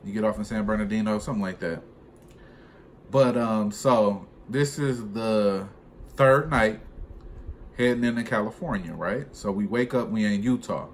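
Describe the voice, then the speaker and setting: In a vlog, a young trucker relates a personal story with animated, slang-heavy, chatty delivery. He has a lowish voice at normal speed, and noticeable room ambience fills the background.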